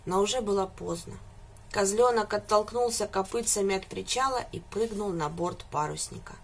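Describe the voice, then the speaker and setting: A woman reading a fairy tale aloud for children in a lively, expressive way. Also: medium pitch, normal speed, husky.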